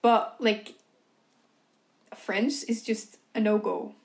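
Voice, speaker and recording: Her voice sits mid-range and creaky, slow with fairly even intonation. She is a young Dutch-speaking Belgian woman co-hosting a chatty podcast, using "like" and "um" a lot.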